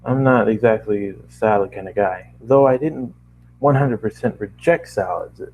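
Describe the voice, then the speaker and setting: An amateur narrator reads first-person fan fiction conversationally, stumbling and re-reading lines as he goes. His voice is on the low side at a moderate pace, and the audio is dull with a little hiss or hum.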